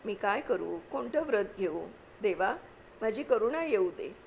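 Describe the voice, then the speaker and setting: A woman reading aloud, voicing a devout wife who softly pleads in prayer. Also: mid-range voice, lively intonation, a little slow, gravelly, a little hiss or hum, rough recording. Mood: pleading prayer. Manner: softly imploring.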